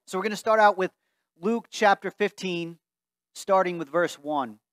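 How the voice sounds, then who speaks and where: A pastor in his thirties stands in a church sanctuary before a stained-glass wall, earnestly preaching and reading scripture from a Bible. His voice sits high and fairly bright, moving at normal speed with no echo.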